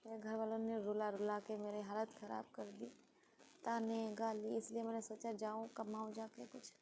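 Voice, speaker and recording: A woman from India speaks in a sad, pleading vlog. Her voice is mellow and nearly monotone, and she keeps repeating her appeals. Faint noise sits behind her. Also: on the high side, moderate pace, creaky, poor audio. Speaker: vlogger. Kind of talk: emotional personal vlog.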